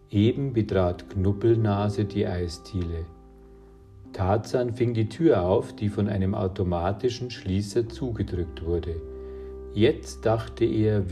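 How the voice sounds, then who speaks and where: A man calmly narrating an audiobook story at an unhurried pace. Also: lowish voice, faint music behind.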